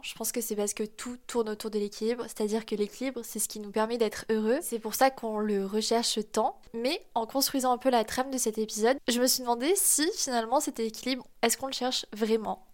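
Young nasal-voiced woman, higher-pitched podcast host. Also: steady tone, brisk. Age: 20s. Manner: chatty, informal, self-deprecating. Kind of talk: casual solo podcast talk addressed to listeners.

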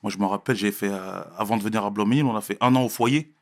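A young man from Marseille with a Marseille accent, chatting casually in an interview, full of street slang and quick laughs. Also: on the low side. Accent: Marseille French. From Marseille, France. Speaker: interviewee, rapper.

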